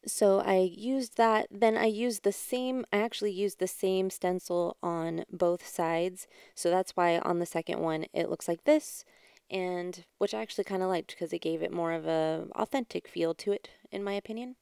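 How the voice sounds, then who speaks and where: A woman's voice: lowish voice, fairly even intonation, normal speed, vocal fry, clean tone, dry recording, studio quality. A woman hosting a craft channel, chatting through a DIY tutorial in a voice-over recorded at home. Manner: chatty, explaining step by step; quiet, subdued delivery. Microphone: home voice-over mic.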